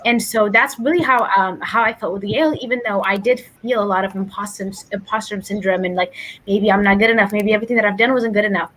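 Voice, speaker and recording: A woman's voice: medium pitch, fairly bright tone. A young woman from Ethiopia, a guest on a talk show, answering interview questions in an earnest, thoughtful way over a video call. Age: young adult. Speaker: guest, incoming college student.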